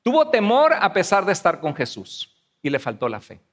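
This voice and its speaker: High-voiced pastor, animated and lively. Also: male voice, normal speed. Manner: animated storyteller, acts out voices and screams. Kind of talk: sermon. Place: church hall. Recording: long hall reverb.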